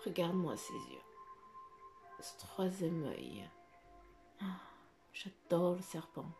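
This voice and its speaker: A woman's voice: on the low side, wildly swooping pitch, slow, mellow, faint music behind. A woman giving a casual oracle card reading. She meanders, tags her phrases with little fillers and speaks straight to the viewer. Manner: meandering, with frequent "hein" and "euh" tags; addresses the viewer intimately and directly. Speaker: card reader giving daily guidance.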